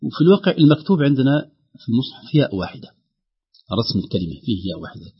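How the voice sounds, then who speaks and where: A man teaching the rules of Quran recitation, drawing out words slowly to demonstrate them. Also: medium pitch, big pitch swings, vocal fry, husky. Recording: dull lo-fi broadcast audio.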